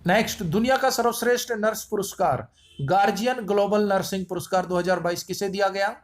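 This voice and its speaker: Speaking briskly in a high-pitched voice, a man runs a memory-trick quiz lesson on general knowledge. He plays with words and repeats lines to help the answers stick.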